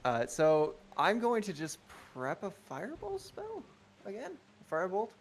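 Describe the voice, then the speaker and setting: A man's voice: high-pitched, huge pitch swings, unhurried, a little hiss or hum. A man playing a tabletop game, talking in a jokey, casual way. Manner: jokey, laughs often. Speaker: player.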